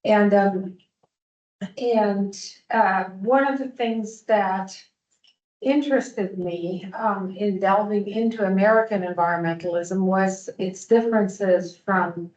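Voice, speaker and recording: A woman in her fifties from Germany, a panel speaker explaining her work in a fluent, measured way. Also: mid-range voice, steady tone, darkish tone. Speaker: invited speaker. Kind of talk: academic panel answer. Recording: echoey dull sound.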